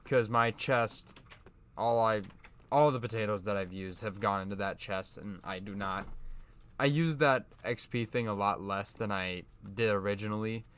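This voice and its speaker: A man's voice: lowish voice, moderate pace, a bit bright, clean tone. A young man giving casual, rambling commentary over his own gameplay, often correcting himself and laughing at himself. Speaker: gaming YouTuber.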